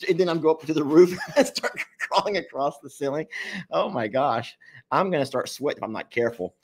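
A man with a deep Southern Texas drawl, chatting casually and jokingly on a live stream in a folksy, rambling way. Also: expressive, fairly quick, slightly rough. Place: living room at home.

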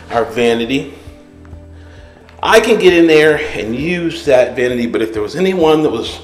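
A man, a real estate agent, narrating a walkthrough of a house as he walks it, relaxed and explanatory with frequent fillers. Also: mid-range voice. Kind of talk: walkthrough home tour narration. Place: outdoors then inside an empty house.

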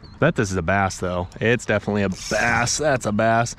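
A man in his thirties chatting casually on a fishing vlog from a kayak on a pond, easily excited and saying dude and bro. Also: lowish voice, brisk, slight background noise. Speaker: fishing vlogger. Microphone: action camera mounted on the kayak.

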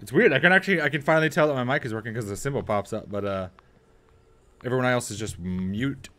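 A man giving casual gameplay commentary, excitable, swearing and yelping at enemies. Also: mid-range voice, fast talker. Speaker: gameplay streamer.

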